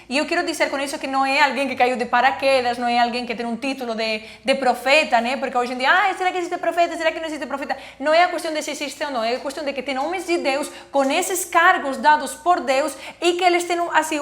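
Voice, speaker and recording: A woman's voice: sits high, steady tone, fast, hardly any pauses, a bit bright, echoey room. A woman pastor from Spain, speaking Portuguese with a Spanish accent, telling stories animatedly on a church livestream and searching for words now and then.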